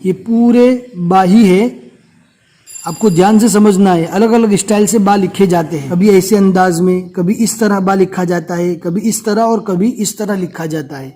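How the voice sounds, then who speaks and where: A man with a fairly high voice teaches the letters one by one. He talks slowly and patiently and repeats each letter again and again for beginners. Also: warm tone. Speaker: Urdu reading teacher.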